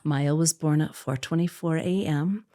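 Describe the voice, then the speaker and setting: A woman's voice: low voice, normal speed, warm tone. A woman, a podcast guest and adoptive mother, telling her personal story in conversation and acting out what other people said. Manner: vivid storyteller who acts out other people's words.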